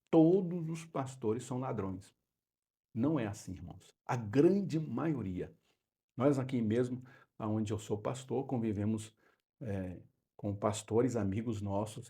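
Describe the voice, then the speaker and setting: Gravelly-voiced male pastor teaching a lesson. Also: medium pitch, mellow. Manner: conversational, repeatedly addressing listeners as brother. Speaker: pastor teaching Sunday school. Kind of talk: Bible lesson commentary.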